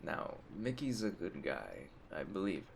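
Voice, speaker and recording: A man voices a mafia Don in an ASMR roleplay, his very low voice thick with gravelly creak as he addresses the listener directly. He plays a polite, measured crime boss whose calm carries quiet menace, with huge pitch swings and full character commitment. Faint storm ambience and a little hiss or hum sit in the background.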